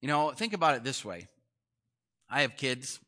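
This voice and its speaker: Animated male preacher, lively pitch. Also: normal speed. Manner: conversational, animated, asks the congregation questions. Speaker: pastor. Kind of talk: sermon.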